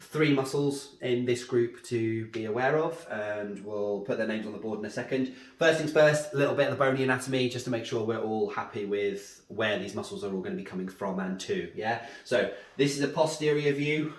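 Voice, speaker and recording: In an echoey room with a drawing board, a man with a head cold gives an anatomy lesson, often checking in with a questioning "yeah?". His voice is on the low side, fairly quick, with few pauses.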